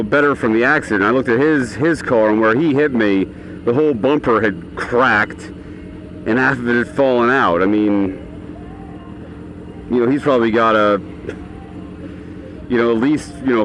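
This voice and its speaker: A man's voice: mid-range voice, fairly bright tone. Man talking inside a motorcycle helmet, noisy. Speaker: motorcycle vlogger. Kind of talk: casual rambling vlog talk. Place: outdoors on a motorcycle in traffic. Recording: engine and road noise, inside a helmet.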